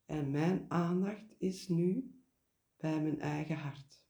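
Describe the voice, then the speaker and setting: A man guiding a meditation in a gentle, deliberate way, pausing and repeating key words. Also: on the high side, vocal fry, reverberant. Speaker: meditation guide. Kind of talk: guided meditation, spoken reflection.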